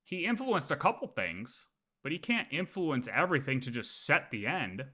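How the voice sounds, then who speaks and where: A game streamer chats casually in a livestream reaction, his voice on the high side, bright and forceful, swinging widely in pitch at normal speed. He argues insistently, repeats his points, and swears.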